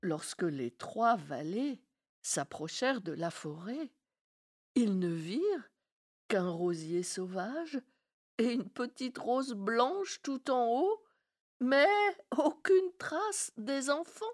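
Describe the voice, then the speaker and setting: Brief: woman storyteller, unhurried and expressive, a fairy tale read aloud. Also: fairly high pitch. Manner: slow and expressive. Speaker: narrator. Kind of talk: storybook reading.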